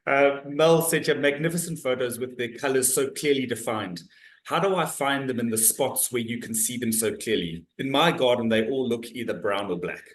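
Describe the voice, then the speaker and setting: A middle-aged South African man, host and moderator of a talk series, reads out audience questions during an online Q&A. He's friendly and loose, restarting often, with a mid-range voice at a moderate pace. The video call has a roomy echo.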